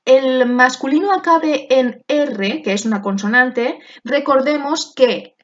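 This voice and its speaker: A woman teacher explains pronunciation at a very slow, careful pace and repeats each word several times. Her voice sits a little high. The recording is dull and lo-fi. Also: a bit bright. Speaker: French teacher. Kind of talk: classroom lesson explanation.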